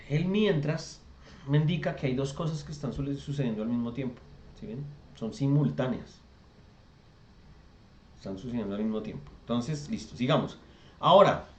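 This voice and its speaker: A man's voice: mid-range voice, highs cut off. Patient man tutoring over an echoey video call. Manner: patient, explains step by step with check questions. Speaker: English tutor. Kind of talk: online class explanation. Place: virtual classroom session.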